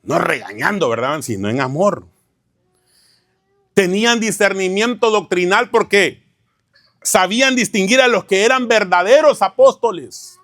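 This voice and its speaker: Pastor guy preaching in church, bit high voice, keeps going "hermano?" at the crowd. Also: unhurried, a bit bright, no echo, studio quality. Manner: peppers lines with "hermano" and rhetorical questions. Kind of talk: teaching sermon.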